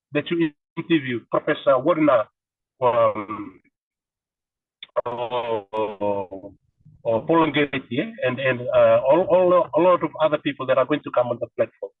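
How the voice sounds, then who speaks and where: A man's voice: mid-range voice, dry recording, distant mic, narrow, tinny audio. A man in his thirties with a Fijian accent, talking earnestly as a podcast guest in casual chat and switching languages. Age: 30s.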